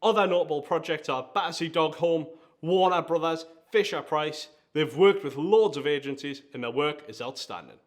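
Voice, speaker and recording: A Geordie-accented man who founded a design agency hosts a countdown-style vlog in a presenter's manner. His voice is fairly high and his pace normal. He sounds enthusiastic and emphatic.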